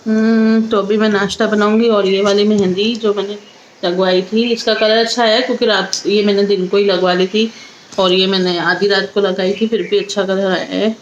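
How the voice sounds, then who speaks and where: A woman's voice: mid-range voice, little pitch movement, moderate pace, dull audio, a little hiss or hum. A woman, vlogging in a casual chatty way and talking straight to her viewers, with a slight cough. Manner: chatty, addresses viewers directly. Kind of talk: casual vlog narration.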